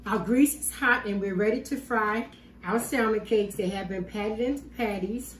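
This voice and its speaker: A mid-range female voice at a moderate pace belongs to an older woman running a casual home cooking demonstration. She explains each step from her kitchen in a warm, unhurried style. The counter camera sits far away, so the kitchen audio comes across roomy and remote.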